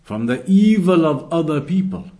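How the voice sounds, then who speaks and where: In a mellow, high-leaning voice with lively intonation and normal speed, a religious teacher delivers an Islamic lesson. He reads from an Arabic text, explains it in a teaching manner, and repeats key points to stress them.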